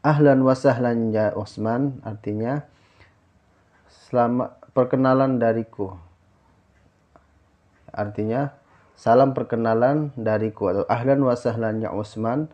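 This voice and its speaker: A man's voice: medium pitch, unhurried, long pauses, dull audio. A man teaching a class lesson, explaining patiently, repeating himself and restarting words, often adding "ya" as a filler.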